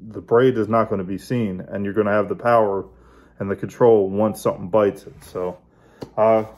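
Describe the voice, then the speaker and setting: A man hosting his own fishing channel, casually showing how he bends and adjusts a lure while he talks, in a relaxed hands-on way. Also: lowish voice, normal speed. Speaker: bass angler, channel host.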